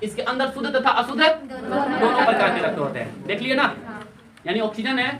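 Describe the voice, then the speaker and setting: A man lectures a live class, quizzing the room again and again and echoing back what the students answer. His voice bounces around an echoey classroom, picked up from a distance, with students clearly heard in the room. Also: very high voice, lively intonation, brisk, a loud crowd, very noisy. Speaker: teacher.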